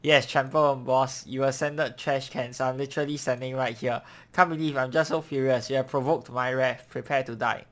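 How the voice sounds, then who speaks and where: A man's voice: medium pitch, steady tone, normal speed, hardly any pauses, a bit bright, lightly acted. A man reading the lines of a pompous, villainous male nightmare horse lord from a game, speaking in a grandiose, threatening way. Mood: indignant. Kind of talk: reading game dialogue aloud.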